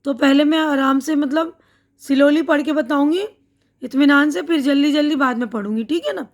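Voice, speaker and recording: A woman teacher giving a slow, patient reading lesson to young children, sounding out syllables and repeating them. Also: sits high. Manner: explains slowly, reads syllables aloud and repeats them.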